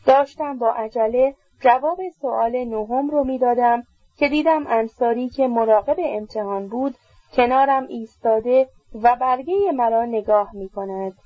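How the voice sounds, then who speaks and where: A woman narrating a novel in a steady storytelling manner. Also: a little high, no echo. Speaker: audiobook narrator. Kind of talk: novel read aloud. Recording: slightly dull dry recording.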